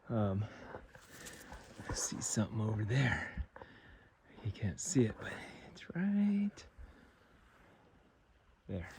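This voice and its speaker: A man talking casually to the camera while hiking outdoors, out of breath and halting from the climb. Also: medium pitch, a little mellow, a little hiss or hum. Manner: winded from hiking uphill, halting delivery. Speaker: vlogger sharing his cancer story. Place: outdoors on hilly trails.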